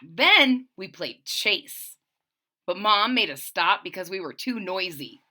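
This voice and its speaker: This storybook reader uses a mid-range voice at a slow pace as she reads a picture book to children. She stays expressive and chatty, sprinkling friendly remarks between pages.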